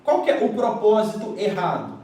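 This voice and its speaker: A man, a pastor teaching a Bible lesson in an emphatic preaching style, often checking in with his listeners and addressing them warmly as his children. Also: high voice, wildly swooping pitch, normal speed, echoey room, slight background noise, rough recording. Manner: emphatic, keeps checking in with "ok?", calls listener "filho".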